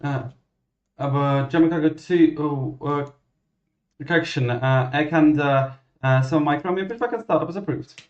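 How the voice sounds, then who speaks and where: Halting man controller, muffled roomy sound. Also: a little high. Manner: halting, self-correcting. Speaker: virtual air traffic ground controller. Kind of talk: radio clearances and explanatory commentary.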